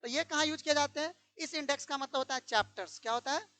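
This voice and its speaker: A woman with a high voice teaches grammar to a room of pupils. She fires questions at them and repeats each one until they answer. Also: quick pace, sharp tone. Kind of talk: classroom grammar lesson. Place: classroom.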